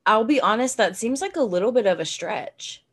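A woman's voice: fairly high pitch, animated, normal speed. A woman co-hosting a podcast in casual chat, reacting with curiosity and asking questions. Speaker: podcast co-host.

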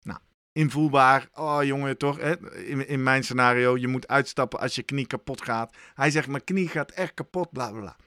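Bright-voiced man telling a lively story. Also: medium pitch, normal speed, no room sound. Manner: animated storyteller acting out his own thoughts. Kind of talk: casual chat, storytelling.

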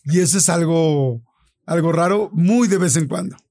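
A man with a Mexican accent hosting a casual podcast chat, animated and jokey, steering his guests. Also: on the high side, moderate pace, no echo, studio quality. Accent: Mexican Spanish. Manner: animated, jokey, directing the others. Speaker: host.

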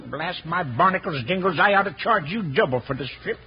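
An actor playing a gruff, salty old sailor turned stagecoach driver, blustering like an old seafarer in a 1950s radio western. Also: male voice, high-pitched, animated, fairly quick. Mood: blustering, jovial. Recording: dull, noisy old radio recording.

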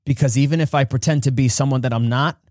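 A man hosting a podcast, telling a personal story in an earnest way and acting out quotes with big jumps in pitch. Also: steady tone, fast talker, darkish tone, no room sound, studio quality. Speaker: podcast host.

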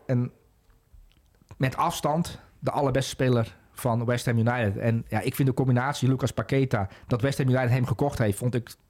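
A man's voice: mid-range voice, fairly even intonation, moderate pace, a little mellow. A man analysing football in a casual podcast chat, hesitant, with many fillers and restarts.

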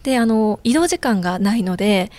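A woman in her twenties, a guest on a podcast interview, telling her story in a measured way with many small fillers. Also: medium pitch, animated, darkish tone. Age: 20s. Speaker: guest job seeker.

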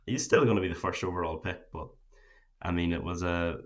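Very deep-voiced Irish man analysing sport. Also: a little fast.

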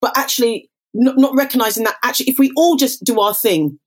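A woman's voice: fairly high pitch, fast. A woman life coach who speaks as a podcast guest in an emphatic, motivational way and uses catchphrases. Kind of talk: casual conversation.

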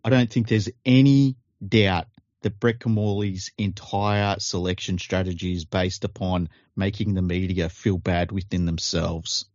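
A man co-hosting a podcast, chatting casually in a deadpan, teasing, sweary way. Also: sits low, unhurried, dry recording, muffled recording. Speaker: podcast co-host. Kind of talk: casual chat.

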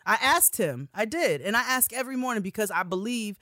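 A woman's voice: fairly high pitch, animated, brisk, sharp tone, dry recording, clean studio sound. A young woman, a podcast co-host and student, telling a story in a casual chat with emphatic, profane bursts.

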